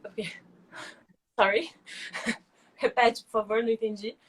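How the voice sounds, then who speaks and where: A woman's voice: a little high, normal speed. A young adult woman and former flight attendant who chats casually and tells stories, acting out the voices of the people in them. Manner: animated, acts out dialogue in her stories. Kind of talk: casual chat, storytelling.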